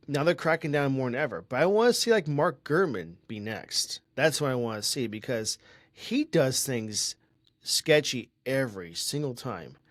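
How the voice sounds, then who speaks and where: A young man co-hosts a casual tech podcast, opinionated and rambling, often circling back with restarts. His voice sits at an ordinary middle pitch. It is recorded close and dry, with no room sound. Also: no echo. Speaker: podcast co-host.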